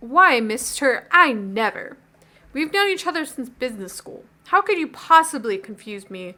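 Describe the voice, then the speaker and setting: A woman's voice: sits high, very animated, moderate pace, sharp tone, full character voice. A woman voicing a pompous, regal, affronted character in a video game read-aloud. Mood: grand indignation. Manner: regal, grandly indignant. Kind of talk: video game voice-over reading.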